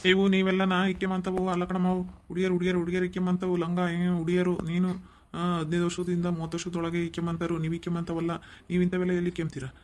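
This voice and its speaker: Old peddler, voiced by a man, fast, flat, fairly high-pitched, cartoon. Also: slight background noise, natural voice. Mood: lecturing. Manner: joking, pleading, quick. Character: joking old male cloth peddler. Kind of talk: cartoon voice acting.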